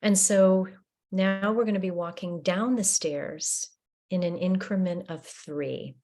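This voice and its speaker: Leading a breathing meditation, this woman speaks gently and soothingly at a very slow pace. Her voice is a little low, and she lets long pauses fall between each cue.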